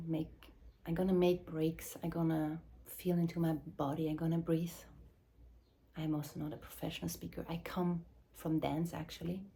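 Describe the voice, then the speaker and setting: Soft-spoken woman, low and flat. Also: slight background noise. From Switzerland. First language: Swiss German or Dutch. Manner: slow and searching, with pauses and restarts, drifting into soft whispers. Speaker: mother and movement teacher. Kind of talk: reflective spoken address to camera.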